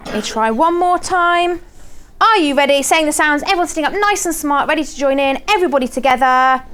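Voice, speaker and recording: A woman from Berkshire with a southern English accent, a phonics teacher speaking to a class and slowly modelling letter sounds. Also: sits high, animated, fairly bright tone. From Berkshire, England.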